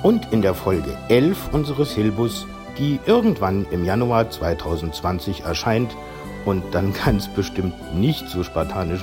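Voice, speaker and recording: Low-voiced male podcast host over music. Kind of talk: hosting and announcing.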